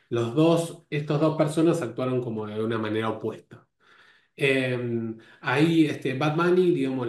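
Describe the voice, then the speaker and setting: A man's voice: medium pitch, darkish tone. A man giving a live lecture to a course, often restarting his phrases and checking in with his listeners. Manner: stumbling restarts with tag questions. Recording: roomy echo.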